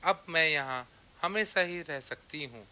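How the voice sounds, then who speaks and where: A greedy, easygoing goat in a children's story speaks slowly in a raised, bright voice, played by a male narrator. She sounds relaxed and always hungry. A faint hiss sits underneath. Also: on the high side, clear, resonant tone. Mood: cheerful. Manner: easygoing and food-loving. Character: greedy, good-natured female goat.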